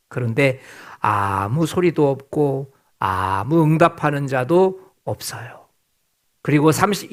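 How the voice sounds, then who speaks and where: A man preaching to his congregation from the pulpit, his voice sitting somewhat high for a man. He keeps asking the room questions and answering them himself, drawing out the key words slowly. It is a church sermon. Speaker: pastor. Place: church sanctuary.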